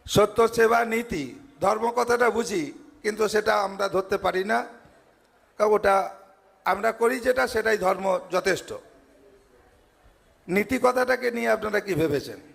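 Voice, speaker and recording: A man's voice: high voice, measured pace, gravelly, long pauses, a bit bright. A monk preaching a devotional sermon at a large ashram gathering, earnest, stacking his points in repeated parallel phrases. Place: large ashram assembly hall. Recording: long hall reverb.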